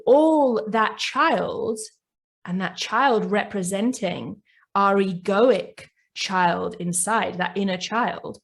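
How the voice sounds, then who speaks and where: A woman hosting a reflective self-help podcast. She talks gently and often checks in with "right?". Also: medium pitch. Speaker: podcast host and coach.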